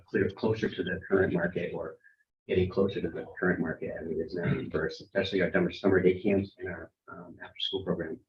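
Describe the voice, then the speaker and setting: A man with a low voice walks a council workshop through his department's budget. He speaks haltingly, full of ums and restarts. The sound is muffled and echoes around a meeting room. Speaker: town recreation director.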